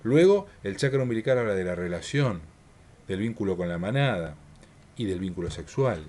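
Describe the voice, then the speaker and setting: A man, giving a spiritual workshop talk and speaking in a measured way, repeating his points and asking rhetorical questions. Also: fairly low pitch, sing-song, darkish tone.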